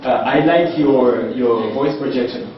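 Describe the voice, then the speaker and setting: A man judging a talent show, giving critique in a halting, hesitant way with repeated words. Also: medium pitch. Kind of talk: live spoken critique to a contestant. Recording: echoey hall, distant dull microphone, faint noise.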